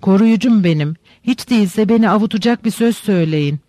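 A man's voice: sits high, warm tone, no room sound, clean studio sound, lightly acted. Man voicing a sobbing, pleading mother. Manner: sobbing, rapid pleading speech.

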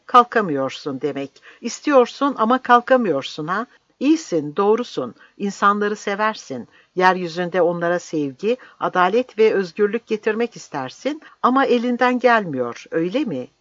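A reader voicing a fiery old village priest who shouts his defiance in an impassioned, declaiming way, on a dry, slightly dull recording. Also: medium pitch, lively intonation, moderate pace, no room sound, voice pushed up, close to an everyday voice. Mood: bitter.

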